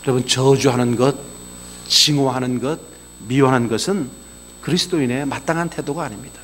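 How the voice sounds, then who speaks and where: A man preaching a sermon in a folksy, conversational way, telling anecdotes and moving between quiet asides and raised exclamations. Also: fairly quick, a little hiss or hum. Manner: animated storytelling, swinging between low asides and raised exclamations. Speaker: pastor.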